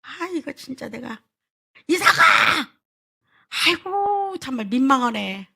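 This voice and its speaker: A woman's voice: sits high, sing-song, slow pace, creaky, sharp tone, pitched above the performer's own voice, full character voice. A woman voicing Abraham as a flustered, embarrassed old man, sighing and lamenting in a folksy way.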